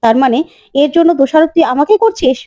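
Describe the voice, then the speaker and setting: A woman's voice: high voice, expressive, quick pace, mellow, dry recording, clean studio sound. A woman voicing an angry, domineering older mother-in-law while retelling a serial episode, indignant and scolding. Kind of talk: serial recap storytelling.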